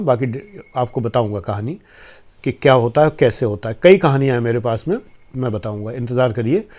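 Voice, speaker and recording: In a mid-range, slightly mellow voice, a man in his fifties from India earnestly admonishes viewers during an informal spoken lecture. He works as a life coach and was formerly an administrator.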